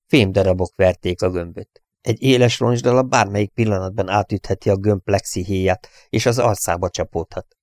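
A man reading an audiobook in a steady, measured storytelling manner. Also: fairly low pitch, no room sound, studio quality. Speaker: audiobook reader. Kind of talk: audiobook narration.

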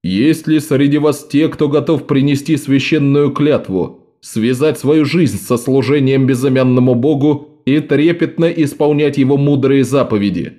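A man's voice: mid-range voice, normal speed, hardly any pauses, warm tone, voice pushed up, lightly acted. A man voicing a solemn male priest who asks questions in a ceremonial tone.

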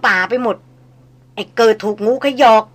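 A woman's voice: normal speed, fairly bright tone, natural voice. A frightened hunter who grumbles and frets, voiced by a woman reading aloud. His complaints come out nervous and whiny. It is a storybook audiobook reading. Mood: fretful.

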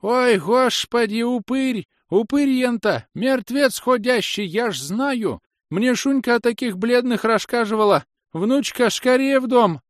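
A man voicing a shrill, frightened old village woman who shrieks and wails in panic. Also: expressive, measured pace, hardly any pauses, dry recording, studio quality. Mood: panicked. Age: older.

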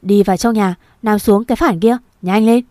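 A woman voicing a harsh, angry father who shouts and threatens his daughter in a storybook reading. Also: medium pitch, normal speed, no room sound, clean studio sound, natural voice. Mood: furious. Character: harsh angry village father, middle-aged man.

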